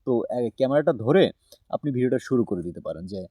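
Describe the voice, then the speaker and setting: A young man explains how to learn spoken English in an easygoing, chatty way. His voice is mellow and dark, and the dry, close recording has no room sound. He keeps checking in with his listener and pauses to think often. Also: medium pitch, no echo. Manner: relaxed and conversational, frequent "haan?" check-ins and "ah" fillers. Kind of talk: casual talk-through lesson.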